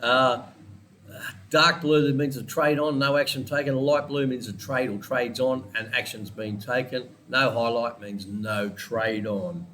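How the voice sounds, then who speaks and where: A man with a mid-range voice, sharp and steady, speaks at a measured pace over slight background noise. He's Australian and stuffed up with a head cold, casually chatting through a weekly forex trading analysis while wandering off on side topics, chatty and digressive with small laughs.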